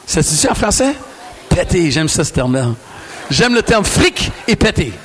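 Québécois male preacher, high voice, bantering with a big crowd. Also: normal speed, a little hiss or hum. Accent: Québécois French. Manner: animated, joking with the crowd. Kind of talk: lively sermon. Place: large hall with a crowd.

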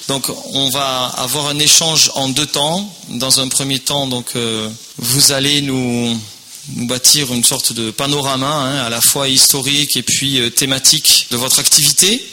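Bright-voiced man welcoming a guest. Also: medium pitch, a little hiss or hum. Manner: welcoming, slightly hesitant with fillers. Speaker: youth camp leader and moderator. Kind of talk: introducing a guest speaker. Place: large tent at a youth camp.

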